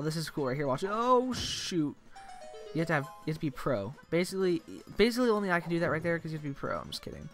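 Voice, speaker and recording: A man's voice: on the high side, a bit bright. A tired young man rambling in casual commentary while playing a video game, filling his talk with "like". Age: young adult. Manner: rambling, tired, says "like" constantly. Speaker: let's play commentator. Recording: game music playing behind.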